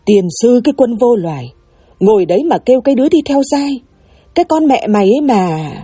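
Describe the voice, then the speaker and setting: A stern old grandmother snapping harsh words, as a woman puts her on. Her voice is husky and mellow, with lively swings in pitch. It sounds like a dry audiobook reading. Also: a little fast, no room sound. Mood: scolding. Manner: harsh, scolding.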